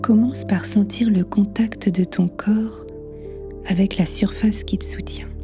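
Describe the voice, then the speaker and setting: A woman leading a guided meditation in a soft, half-whispered, soothing voice with long pauses. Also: mid-range voice, fairly even intonation. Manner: slow, hushed, soothing delivery with long pauses. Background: new-age music.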